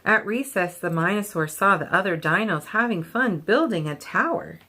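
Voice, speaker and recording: Hosting a children's storytime, a woman reads a picture book aloud with lots of expression and chats with a child in an animated read-aloud. Her voice is on the low side, pushed and bright.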